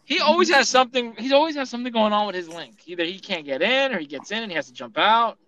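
A man's voice: sits high, animated, fast talker, bright, forceful tone, dull audio. A man co-hosting a casual family podcast over a remote call, teasing and stumbling over restarts. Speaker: podcast co-host. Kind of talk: casual chat among family.

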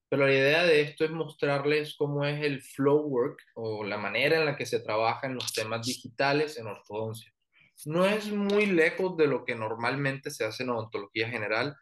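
Colombian coastal man, relaxed and hesitant. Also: mid-range voice. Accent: Colombian Caribbean coast. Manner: relaxed, frequent fillers and restarts. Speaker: orthodontist guest. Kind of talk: professional interview and presentation.

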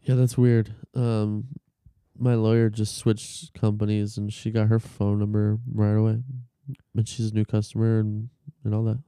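A man's voice: lowish voice, completely flat delivery, normal speed, dark tone, clear, resonant tone, dry recording, clean studio sound. A man on a casual podcast, telling a long story with profanity, fillers and restarts. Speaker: podcast co-host.

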